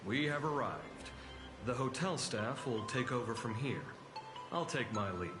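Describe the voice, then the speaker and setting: An actor playing a calm, courteous male guide in game audio with music behind. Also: medium pitch, a little slow, natural voice.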